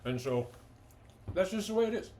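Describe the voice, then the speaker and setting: A man's voice: sits high, big pitch swings, moderate pace, mellow. A man giving a folksy, enthusiastic cooking demonstration in a home kitchen, talking with his mouth full as he eats.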